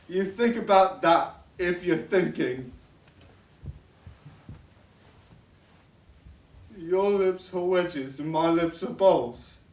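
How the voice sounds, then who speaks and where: A mellow, medium-pitched male voice portrays a bitter, drunken old father in a college stage play, rambling, stammering, pleading and railing. The echoey stage was picked up from a distance by a room microphone.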